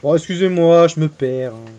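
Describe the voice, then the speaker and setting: A young man streams a game and talks to his viewers in a relaxed, joking way, with crude language. His voice sits a bit higher than most men's. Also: normal speed, dull audio. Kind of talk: casual live game commentary.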